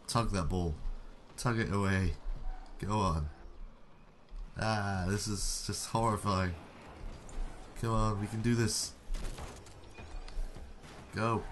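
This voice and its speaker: A young man with a low voice talks through a match at an unhurried pace, dry and sarcastic about his own misses and his team. A faint hiss of room noise sits under his words. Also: a bit bright. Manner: sarcastic, self-mocking running commentary. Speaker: gaming YouTuber. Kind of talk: casual gameplay commentary.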